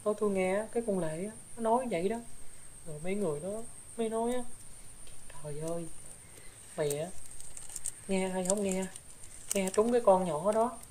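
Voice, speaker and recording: In a spirit possession drama, a woman with a Southern Vietnamese accent voices the ghost of a young gossip who now regrets what she did, rambling ruefully through her story with filler particles. Her natural, mid-range voice has a dark tone, moves briskly with long pauses, and carries a slight hiss or hum.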